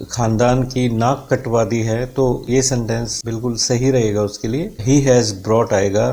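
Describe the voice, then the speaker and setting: A man teaching English vocabulary and pronunciation, explaining in Hindi and saying English examples slowly and carefully. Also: medium pitch, gravelly, darkish tone.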